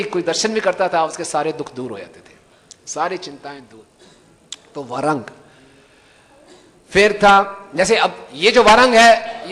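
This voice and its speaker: High bright-voiced guy telling a devotional story, acts out the voices, echoey hall. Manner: animated storytelling, acts out voices, jokes with listeners. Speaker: preacher.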